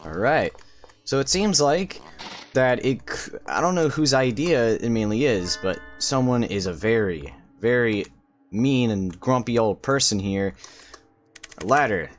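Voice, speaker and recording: A man hosting a gaming video with very animated pitch. He chats casually and swears freely as he plays, often at an unhurried pace, over faint music. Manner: sweary, slangy, talking to himself and to the game. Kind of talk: casual game commentary.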